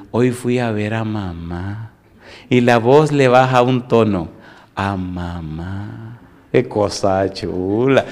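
A man's voice: lowish voice, a little mellow. A middle-aged man preaching a sermon as pastor. He talks conversationally and keeps asking the congregation rhetorical questions.

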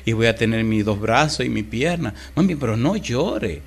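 A man's voice: medium pitch, animated, normal speed, slightly rough. A preacher voicing a brave dying little boy. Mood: tender. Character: dying six-year-old boy, gentle and brave.

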